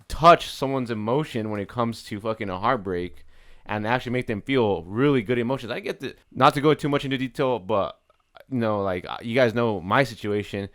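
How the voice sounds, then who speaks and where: A man's voice: medium pitch, smooth. A man co-hosting an album review in casual chat, blunt and laid-back with lots of slang. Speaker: co-host reviewer.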